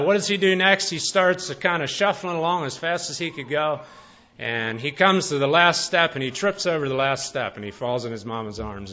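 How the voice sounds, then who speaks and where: Bright, slightly high male preacher, folksy storyteller, muffled lo-fi sound. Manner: folksy, conversational, with many fillers and pauses. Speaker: pastor. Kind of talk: storytelling sermon.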